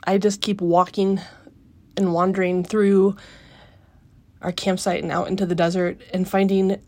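A woman hosting a reflective solo podcast, musing with frequent pauses mid-phrase, recorded live in a small rock cave. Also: mid-range voice, flat delivery, a little mellow. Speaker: podcast host.

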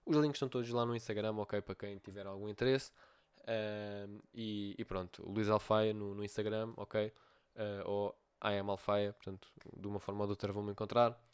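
A man with a European Portuguese accent hosts a solo podcast, offering advice and frequently checking in with listeners. His voice is lowish, clear and resonant, with a level tone and normal speed.

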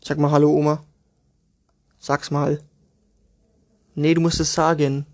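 A man's voice: on the high side, level tone, a little slow, background noise. A man hosting a casual home podcast from a child's bedroom, crude and sarcastic as he grumbles to his listeners. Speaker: home podcast host, father. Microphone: single microphone at home.

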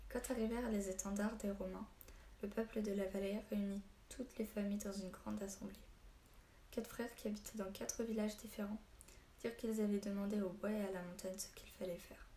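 A woman's voice: medium pitch, steady tone, brisk, warm tone, natural voice. A woman reading an audiobook, voicing an old male hermit who is a stern, short-tempered storyteller. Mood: grave. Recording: echoey room, faint hiss.

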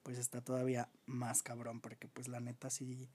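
A man's voice: medium pitch, completely flat delivery, normal speed, a little mellow, breathy edge. A man with a Mexican accent co-hosting a podcast in casual, enthusiastic chat, with lots of fillers and easy laughter. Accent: Mexican Spanish. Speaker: podcast co-host.

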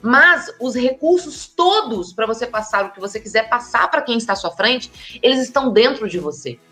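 Expressive woman giving a lecture. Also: fairly high pitch, moderate pace, soft background music. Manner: lively, emphatic, speaks straight to the audience. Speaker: communication and body language trainer. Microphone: camera with slides, hands in frame.

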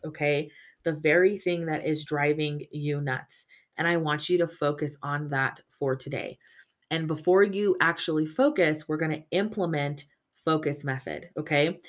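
Tired low-voiced woman coaching host. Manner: chatty, frequent "right?" and "um", animated bursts. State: tired, yawning from little sleep. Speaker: podcast host and faith-based coach. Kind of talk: casual motivational podcast talk.

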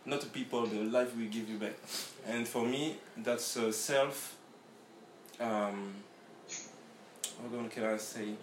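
A man who grew up in France, a guest in a casual interview, talking haltingly and searching for his words. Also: mid-range voice, steady tone, a little hiss or hum. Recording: roomy echo.

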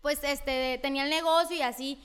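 A woman's voice: high-pitched, normal speed. A young adult woman with a coastal Mexican accent, chatting as a guest and telling her story with lots of fillers. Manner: chatty, full of fillers, animated. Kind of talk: casual storytelling chat.

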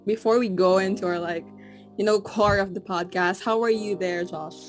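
A woman's voice: mid-range voice, fairly even intonation, normal speed, soft background music. A young woman from the Philippines co-hosting a casual podcast, chatty and giggly, full of "like" and "you know". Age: young adult. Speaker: podcast co-host.

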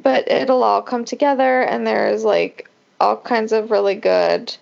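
A woman's voice: a little high, fairly even intonation, measured pace, gravelly, a little mellow, dull audio. A woman co-hosting a podcast in casual, upbeat chat. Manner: chatty and upbeat. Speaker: podcast co-host.

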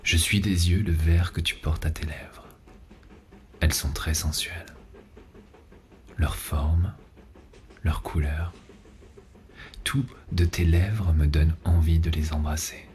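A man playing a seductive, ardent lover in an ASMR role-play, murmuring slowly and breathily, right in the listener's ear. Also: a bass voice, fairly even intonation, a little mellow, slight background noise. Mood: sensual, slow. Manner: slow, intimate, breathy murmur close to the ear. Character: seductive male lover on a night train, intimate and ardent. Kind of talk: ASMR role-play, erotic audio narration.

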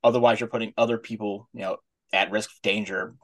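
Man, quick delivery, podcast co-host, rambling, lots of fillers. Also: fairly low pitch, little pitch movement, a bit bright. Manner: rapid, rambling, full of "like" and "you know". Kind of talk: casual podcast chat.

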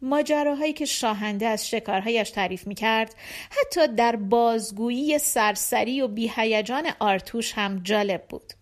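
A woman narrating an audiobook in a lively, expressive way. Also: a little high.

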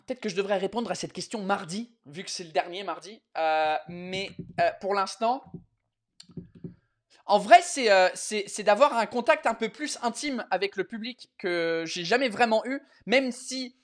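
A man chats casually on a live stream, reading out viewer messages and replying. His French is halting, with repeated words and searches for the right term, and he drops into English along the way. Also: sits high. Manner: switches between French and English mid-speech.

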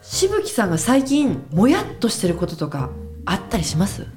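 A woman's voice: medium pitch, huge pitch swings, normal speed, darkish tone, faint music behind. A woman hosting a podcast in upbeat, polite chat, with frequent agreeing replies. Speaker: podcast host.

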